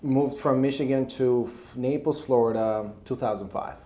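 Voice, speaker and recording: Casually telling his story in an interview, a man from Albania speaks in a mellow, mid-range voice at a moderate pace. He is in his thirties, a native Albanian speaker and a real estate investor. There is a roomy echo plus faint background noise.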